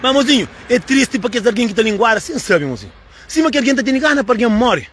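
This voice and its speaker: A man's voice: very high voice, animated, quick pace, a bit bright, slightly rough. A man with a Cape Verdean accent, speaking in an emphatic, repetitive casual monologue to the camera and often calling the listener "moço". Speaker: channel host.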